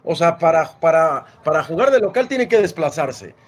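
Husky high-voiced man. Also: very animated, normal speed. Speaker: sports panelist. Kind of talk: heated panel debate.

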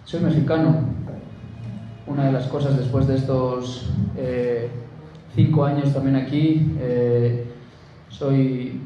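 Spanish-accented man, halting farewell words, very dark voice, echoey distant recording. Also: mid-range voice, steady tone, muffled recording, slight background noise. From Spain. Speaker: footballer at farewell. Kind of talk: emotional farewell statement.

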